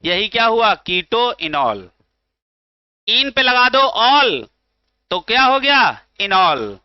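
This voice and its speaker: A man with a north Indian accent lectures on chemistry in a high, smooth, resonant voice. He speaks slowly and quizzes his students, then answers his own questions. The recording is dry and a little dull. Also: big pitch swings, no echo. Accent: Hindi from north India. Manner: asks students questions and answers them himself; calls students beta and bhaiya. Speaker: chemistry teacher. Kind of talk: classroom lecture. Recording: slightly dull, dry sound.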